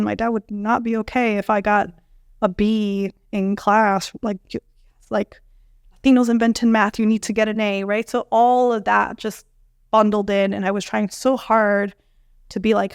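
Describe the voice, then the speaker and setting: A young adult woman from a Bolivian family, a dietitian guest telling her story in an animated way, full of fillers and acted-out quotes. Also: medium pitch, gravelly, smooth, dry recording, clean studio sound. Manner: animated, many fillers, acts out quoted dialogue. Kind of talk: conversational storytelling interview.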